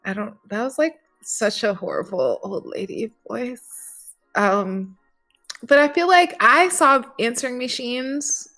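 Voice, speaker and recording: Bright high-ish voiced woman, chatty n giggly, cohosting a tech stream. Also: animated, slow, faint music behind. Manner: upbeat and chatty, laughs easily. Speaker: co-host of a developer live stream. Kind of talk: casual live-stream chat.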